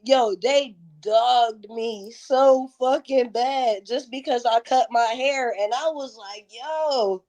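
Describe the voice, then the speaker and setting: A woman's voice: fairly high pitch, slow pace, few pauses, a little mellow. A woman in her thirties, a guest in a casual interview, telling stories bluntly with plenty of profanity. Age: 30s.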